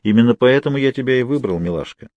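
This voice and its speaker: A man voicing a cold, well-read male captor who speaks in a low, smug, softly menacing way. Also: animated, quick pace, no echo, dull audio, close to an everyday voice.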